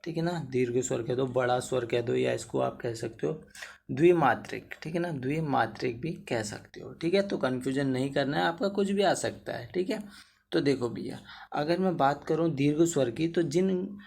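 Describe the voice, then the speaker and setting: Here a man with a mid-range, somewhat mellow voice and vocal fry speaks at moderate pace, teaching Hindi grammar for exams. Students are bhaiya to him; he keeps asking "theek hai na" and elongates vowels to demonstrate length.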